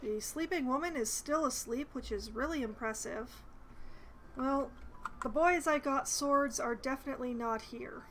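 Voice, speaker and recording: A woman's voice: high-pitched, a little slow, a bit bright, a little hiss or hum. A woman giving casual commentary as she plays through a video game. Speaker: player narrating a game playthrough.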